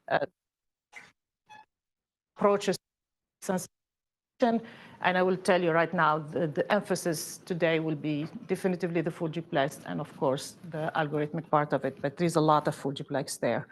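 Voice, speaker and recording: A middle-aged woman from Tunisia, an associate professor giving an academic seminar talk in a conversational way, pausing often with fillers. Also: fairly low pitch, a little hiss or hum.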